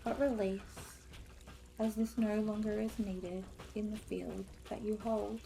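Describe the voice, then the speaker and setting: Slow, soft, creaky-voiced woman meditation guide. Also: mid-range voice, little pitch movement, poor audio. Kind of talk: guided meditation, spiritual healing narration.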